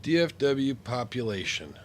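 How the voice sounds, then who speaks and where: There's background noise behind this game streamer, a man whose medium-pitched voice stays very animated despite an unhurried delivery. He has the flu, and his blocked sinuses make him sound congested and nasal, almost as if his nose were pinched, while he rambles casually on his livestream.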